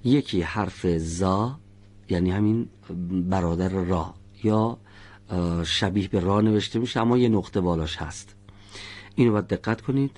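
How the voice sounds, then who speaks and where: A man teaching Quran recitation, patiently correcting his students' pronunciation and demonstrating each sound slowly. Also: deep voice, darkish tone. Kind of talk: patient classroom instruction.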